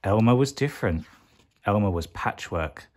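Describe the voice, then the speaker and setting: A man with a fairly low pitch and lively intonation reads a children's picture book aloud for bedtime. His reading is deliberate and expressive, and he stretches key words for effect.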